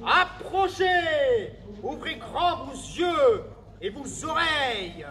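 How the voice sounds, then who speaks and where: An actor playing a jovial medieval town crier, proclaiming theatrically to gather folk for a tale. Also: male voice, very high-pitched, very animated, bright, forceful tone, heavily acted. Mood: proclaiming, inviting. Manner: town crier's proclaiming, drawn-out calls to the crowd. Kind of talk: theatrical street storytelling. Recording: live festival recording, faint background noise.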